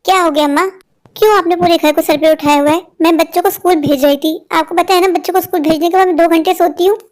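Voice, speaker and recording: A bold, cheeky young daughter-in-law, voiced by a woman in an animated family story. Her high voice snaps back with defiant retorts. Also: fast talker. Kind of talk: cartoon voice acting.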